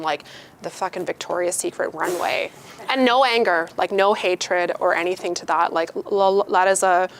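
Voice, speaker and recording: Talking to a live group, this woman's lowish voice delivers a casual motivational workshop talk over slight background noise. She's candid and chatty, swears freely, and mimics the voices of the people she quotes.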